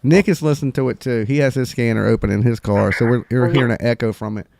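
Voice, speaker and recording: A man's voice: mid-range voice, fairly even intonation, fast, gravelly, a little mellow, no echo. A man with a Southern US hillbilly accent, chatting casually and rambling as the host of a live call-in stream.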